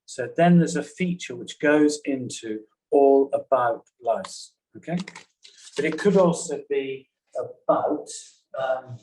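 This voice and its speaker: A man teaching a journalism class in a classroom, talking in a halting way and often checking in with "okay?". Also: mid-range voice, a little mellow, slight background noise, low-quality recording. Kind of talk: classroom lecture.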